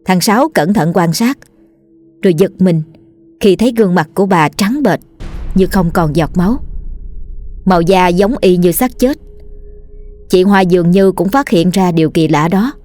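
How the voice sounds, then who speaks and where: Low-voiced woman narrating a ghost story. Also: moderate pace, long pauses, darkish tone, faint music behind. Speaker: audiobook narrator. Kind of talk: scripted horror narration.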